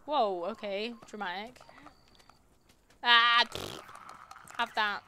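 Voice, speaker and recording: A woman's voice: medium pitch, lively intonation, slow, bright, forceful tone, slight background noise. A young British woman chatting playfully through a game livestream, muttering reactions and joking with viewers. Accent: British English. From England. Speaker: livestreaming gamer. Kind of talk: casual let's-play commentary.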